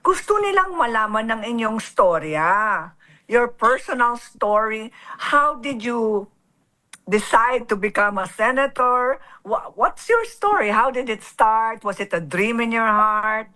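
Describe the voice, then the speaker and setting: Filipina female host, bright and sharp tone, effusive Taglish chatter. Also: on the high side, lively intonation, measured pace, low-quality recording. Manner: effusive, laughing, mixes Tagalog and English. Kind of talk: TV interview hosting.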